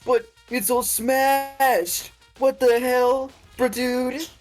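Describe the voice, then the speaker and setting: A woman's voice: high-pitched, level tone, very slow, darkish tone, faint music behind, voice pushed up. A woman voicing a young male stoner surfer dude in a video game, drawling and full of bro and dude. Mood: dismayed.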